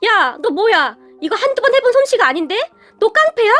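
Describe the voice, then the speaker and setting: A man's voice: extremely high pitch, lively intonation, a little fast, pushed and bright, faint music behind, exaggerated voice. A woman voicing a petty, short-tempered young husband who turns whiny and pleading. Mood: angry.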